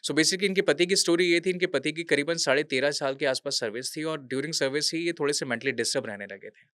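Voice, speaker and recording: A man in his thirties who works for a veterans' charity appears as a podcast guest, earnestly recounting a true story in a conversational interview and mixing English words into his speech. His voice is fairly high, brisk and fairly bright. The studio-quality recording has no room sound.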